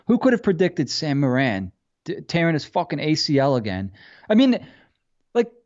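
A man's voice: on the high side, huge pitch swings, moderate pace, darkish tone, dull audio. A man co-hosting a podcast, venting in casual sports chat with exasperated rhetorical questions and heavy swearing. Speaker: podcast co-host.

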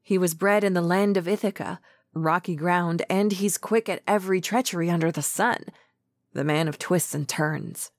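A woman's voice: fairly low pitch, moderate pace, dry recording, lightly acted. Sorrowful queen, full of regret, as an audiobook reader puts her on. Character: remorseful beautiful queen, sorrowful and self-reproaching.

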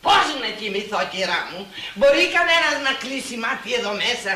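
A woman's voice: on the high side, very animated, bright, forceful tone, roomy sound, a little hiss or hum. A woman acting a sleepy, complaining housemaid in an old film. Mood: grumbling.

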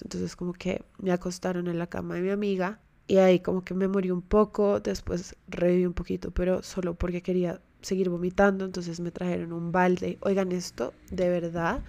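Low, gravelly woman, chatty and candid. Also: warm tone, dry recording. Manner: candid and chatty, swears freely. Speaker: podcast host. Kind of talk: casual storytelling monologue. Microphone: close to the microphone.

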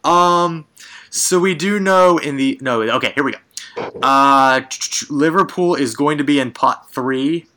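A man with a bright, forward voice hosts a casual sports podcast. He rambles enthusiastically, circling back on his words and laughing easily. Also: a little high, a little slow. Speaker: podcast host.

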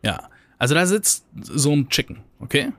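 A man co-hosting a podcast in casual chat, telling a rambling story in an animated, colloquial way. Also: fairly high pitch, normal speed, dry recording.

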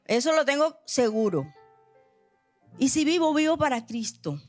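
A woman's voice: high-pitched, big pitch swings, unhurried, darkish tone, soft background music. A middle-aged woman preaching a sermon, speaking emphatically, asking her listeners questions and telling a personal story. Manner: tells a personal story, acting out her own prayers.

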